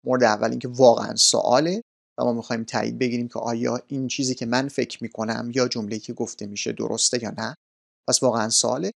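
A man's voice: medium pitch, fairly even intonation, creaky. A man teaching an English grammar lesson. He explains politely and repeats the key points. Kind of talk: grammar lesson explained in a relaxed spoken manner.

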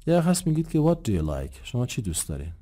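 A man's voice: medium pitch, huge pitch swings, dark tone. A man teaching English grammar, explaining patiently and politely, asking rhetorical questions and answering them himself. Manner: addresses listeners politely and formally. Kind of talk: grammar lesson.

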